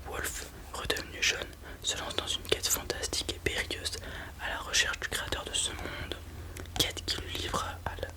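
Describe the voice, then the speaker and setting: Someone in a whispered role-play as a librarian, speaking in a soft library whisper while presenting and reading from books. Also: moderate pace. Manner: reads blurbs aloud, then comments informally with hesitations. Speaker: ASMR creator playing a librarian presenting books.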